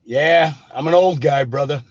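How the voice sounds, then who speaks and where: A man's voice: fairly high pitch, moderate pace, dry recording. A man, an interview guest telling his life story in a casual, street-talking way. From Brooklyn, New York. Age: 50s. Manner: street-talking, says "brother" and "you know what I mean". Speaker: interview guest, former gangster. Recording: dull dry lo-fi sound.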